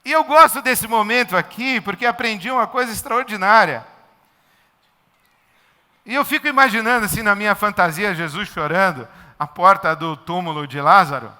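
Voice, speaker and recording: Brazilian pastor, high bright voice, emphatic conversational sermon, long church reverb. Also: male voice, normal speed. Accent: Brazilian Portuguese. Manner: emphatic, repetitive, conversational preaching.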